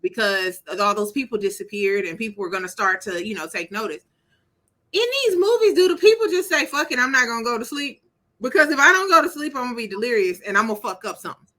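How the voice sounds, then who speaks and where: A woman co-hosting a podcast, reviewing a movie in casual chat, animated and joking, swearing freely. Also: mid-range voice, fast talker. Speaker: podcast co-host.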